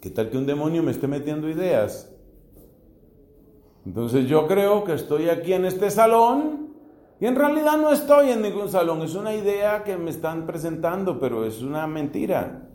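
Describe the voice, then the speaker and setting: A middle-aged man from Colombia, a priest, giving a philosophy lecture in a slow, deliberate way with rising emphasis. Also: fairly high pitch, animated, warm tone. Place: classroom or hall. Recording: echoey room.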